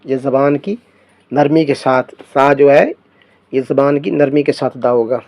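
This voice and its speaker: A man teaching a Quran reading lesson, sounding out each letter slowly and stressing every syllable before explaining it. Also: medium pitch, steady tone, a little mellow, no echo. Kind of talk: slow recitation lesson.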